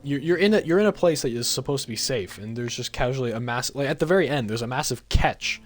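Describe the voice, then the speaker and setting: A man's voice: mid-range voice, lively intonation, fast talker, soft background music. A man hosting a casual gaming chat, easygoing, steering the talk between friends.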